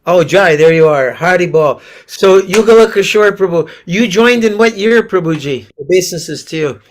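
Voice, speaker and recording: A man running a video call, brisk and friendly, guiding a guest and asking him questions. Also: high-pitched. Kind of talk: casual discussion on a video call. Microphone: video call mic.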